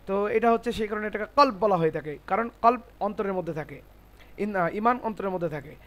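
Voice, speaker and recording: A man teaching Quran reading in a classroom lesson, explaining slowly, repeating rules and asking his class checking questions. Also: high voice. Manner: spells out Arabic letters syllable by syllable.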